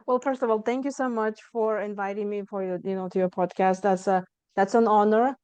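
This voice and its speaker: A woman, a stress coach telling her story as a podcast guest, lively and acting out her own past thoughts. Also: mid-range voice, a little fast, clear, resonant tone, no echo. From Lithuania. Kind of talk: conversational storytelling interview.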